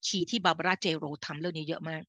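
A woman's voice: low-pitched, steady tone, a little fast, bright, forceful tone, no room sound. A woman hosting a live health talk in a chatty, older-sister way, often correcting herself mid-sentence. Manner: chatty, with frequent self-corrections and fillers; speaks to listeners as an older sister. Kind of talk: casual explanatory live talk.

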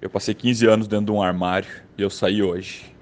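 A man's voice: fairly low pitch, little pitch movement, brisk, lightly acted. A man voicing an eccentric stranger who makes a cryptic, solemn proclamation.

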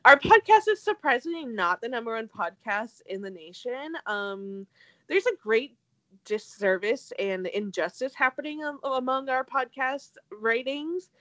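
A woman co-hosting a casual podcast, talking haltingly with stammered restarts and many fillers, with a dry, self-deprecating streak. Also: fairly high pitch, expressive, a bit bright, no room sound. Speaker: podcast co-host.

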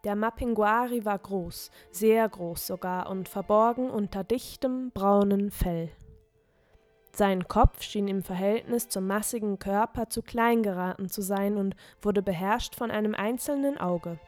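Woman reading a fairy tale out loud, slow and calm, soft music under it. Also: mid-range voice. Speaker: narrator. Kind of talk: storybook narration.

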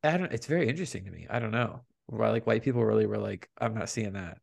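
A man's voice: on the low side, animated, very fast, creaky, a little mellow. A man co-hosting a podcast, chatting casually about movie news and box office figures. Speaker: podcast co-host.

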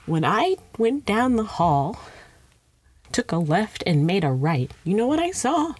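A woman's voice: mid-range voice, big pitch swings, unhurried, darkish tone. A young woman telling a comic story about herself, rambling and self-mocking, drifting into playful tangents. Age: young adult. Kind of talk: comedic storytime monologue.

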